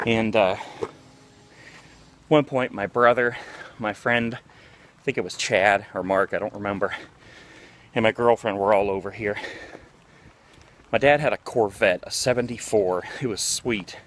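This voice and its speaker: A man in his forties rambles through candid stories as he walks outside, filling pauses with "uh" and "like." He is recorded on a handheld camera in the open air, with faint traffic and outdoor sounds behind him. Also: fairly low pitch. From Ohio, USA. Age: 40s. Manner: candid, rambling, with many fillers. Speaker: vlogger. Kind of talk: casual storytelling vlog. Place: outdoors, walking through a neighborhood near a park.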